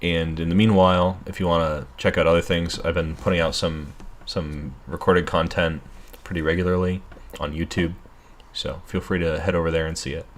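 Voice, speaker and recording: A man's voice: sits low, flat delivery, normal speed, slight background noise. A man thinking aloud through a chess game as a streamer, muttering asides while losing his voice. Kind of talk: casual live game commentary.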